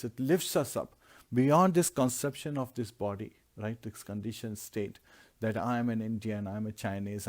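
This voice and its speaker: A man's voice: mid-range voice, a little mellow. Earnest man teaching a scripture class. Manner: explains Sanskrit verses word by word in English; earnest preaching with repeated lists.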